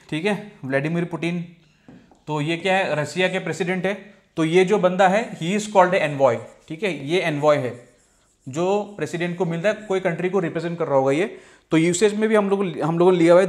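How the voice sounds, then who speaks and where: High-voiced Indian English tutor. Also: male voice. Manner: drawls when reading English definitions; keeps saying "theek hai" and "okay". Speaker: English vocabulary teacher. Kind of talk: explaining vocabulary from slides.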